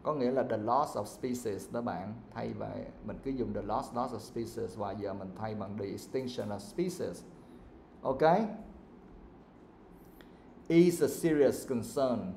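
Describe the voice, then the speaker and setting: A man's voice: lowish voice, normal speed, gravelly, darkish tone. Roomy-sounding male teacher quizzing students. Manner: quizzing students, switching between English and Vietnamese. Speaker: English teacher. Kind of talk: live classroom lesson. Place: classroom. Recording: echoey room with faint background noise.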